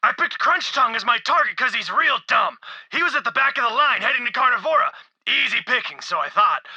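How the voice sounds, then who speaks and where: An actor playing a dim, boastful bandit who rambles fast about his scheme in a game audio log. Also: very high voice, animated, bright, forceful tone, breathy edge, no echo, exaggerated voice. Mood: scheming. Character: dim, boastful bandit man sneaking into an arena.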